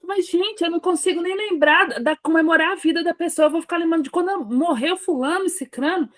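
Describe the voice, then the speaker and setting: A woman with a Brazilian Portuguese accent talks casually on a faith panel. Her voice is fairly high, and she rambles, stumbling over restarts as she questions her own views. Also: brisk.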